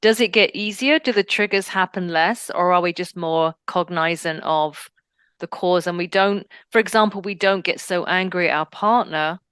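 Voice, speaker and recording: A woman hosts an interview with a smooth, lowish voice recorded dry and close. She affirms her guest often and asks her questions in an encouraging way. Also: normal speed, no room sound. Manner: warm, affirming, lots of encouraging murmurs. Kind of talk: interview conversation.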